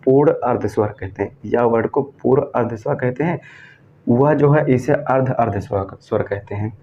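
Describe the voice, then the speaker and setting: A man's voice: medium pitch, normal speed. A man teaching an exam-prep grammar lesson, asking questions and answering them himself and repeating key terms. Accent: Hindi, from northern India. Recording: dull lo-fi recording with faint background noise.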